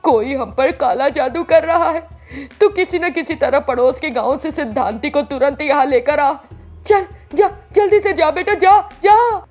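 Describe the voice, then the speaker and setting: Woman voicing a shrill scolding mother-in-law. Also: moderate pace, faint music behind, close to an everyday voice. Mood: alarmed. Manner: scolding, shrieking, sarcastic. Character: arrogant, shrill, nagging old mother-in-law.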